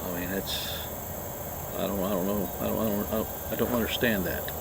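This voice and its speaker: A man chatting casually and haltingly through a cigar review, rambling from one thought to the next. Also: steady tone, creaky. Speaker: cigar review vlog host. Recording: noisy low-quality mic, outdoor insects and traffic.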